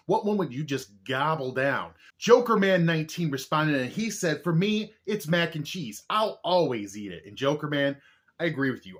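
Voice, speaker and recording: A man's voice: mid-range voice, a bit bright. A man chatting casually as the host of a snack review vlog, with a jokey, playfully exaggerating way of talking. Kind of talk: casual food review chat.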